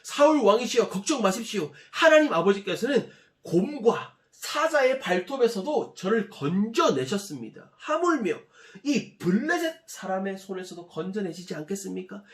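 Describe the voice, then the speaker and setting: A man's voice: high voice, big pitch swings, normal speed, roomy sound. A man doing a bold, eager shepherd boy. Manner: earnest, indignant and bold. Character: brave eager shepherd boy, confident teenager.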